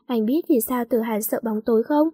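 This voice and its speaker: A woman's voice: fairly high pitch, fairly quick, mellow, breathy edge, no room sound, clean studio sound. A woman voicing a scheming young woman in a storybook reading, sly and confiding.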